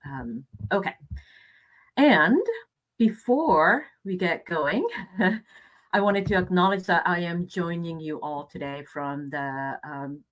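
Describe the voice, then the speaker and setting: A middle-aged woman from Japan giving a conference presentation in a reflective, measured way, with hesitant fillers. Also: fairly low pitch, animated, low-quality recording.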